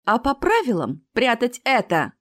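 A woman voicing a bold, quick-tempered young sorceress in an audiobook. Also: fairly high pitch, huge pitch swings, a bit bright, no echo, clean studio sound, voice pushed up, exaggerated voice. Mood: spirited. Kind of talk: audiobook character reading.

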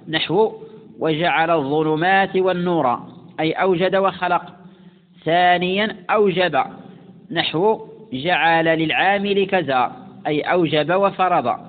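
A man teaching classical grammar, who slowly recites examples and repeats words for emphasis. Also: high-pitched. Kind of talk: lesson explaining classical grammar. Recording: tinny phone-like sound with long reverb.

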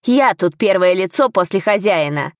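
A woman's voice: medium pitch, lively intonation, moderate pace, dry recording, clean studio sound, close to an everyday voice. A woman reading an audiobook, voicing a rude, petty little bald male tutor who grumbles and sneers. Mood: sneering.

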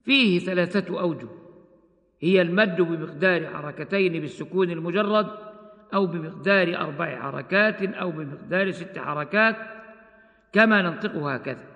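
A man teaching the rules of Quran recitation, explaining each rule and then slowly chanting the examples. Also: sits high, pushed and bright, long reverb tail. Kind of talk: tajweed lesson with chanted examples.

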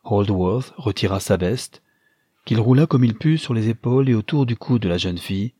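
Casting: low-voiced male audiobook reader, husky, measured storytelling. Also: warm tone, dry recording, studio quality. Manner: measured, literary reading. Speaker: audiobook narrator. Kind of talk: scripted narration.

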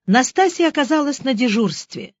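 A woman narrating an audiobook in a lively, expressive way. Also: high voice, moderate pace, no echo, highs cut off. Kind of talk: scripted narration.

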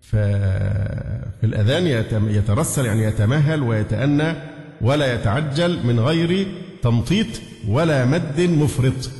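A man with an Egyptian accent, in a middle pitch, teaches a religious lesson in a patient, explanatory way. He quizzes his listeners with quick questions and sometimes chants short phrases to show pronunciation. His voice echoes with a long reverb through a large hall. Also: gravelly, a little mellow. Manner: explanatory, asks students rhetorical questions; demonstrates call-to-prayer pronunciations. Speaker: Islamic scholar teaching.

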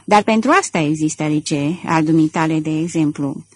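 A woman reading an audiobook, voicing a curt, distrustful male magistrate with a husky voice. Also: low-pitched, darkish tone, pitched below the performer's own voice. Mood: stern. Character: gruff suspicious male magistrate, curt and stern.

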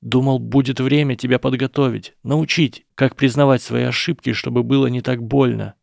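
A man voicing an earnest boy wizard who explains things in a measured, persuasive way. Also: mid-range voice, fairly even intonation, gravelly, darkish tone, dry recording, clean studio sound, pitched above the performer's own voice. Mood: apologetic pleading. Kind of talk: audiobook character voice.

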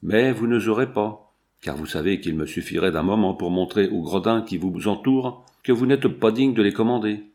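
Man reading a young prisoner, low-pitched, rising in fury, defiant. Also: normal speed, darkish tone, close to an everyday voice. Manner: indignant outbursts.

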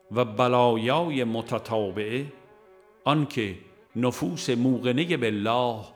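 A man with a mid-range voice narrates a religious audiobook, reciting scripture and verse in a measured, formal way with pauses between phrases.

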